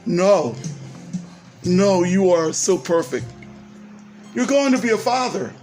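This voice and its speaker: A man reading aloud and voicing a gentle, cautious young woman in love, speaking softly. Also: sits high, big pitch swings, slow, soft background music, exaggerated voice. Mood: reassuring. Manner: soft, gentle delivery.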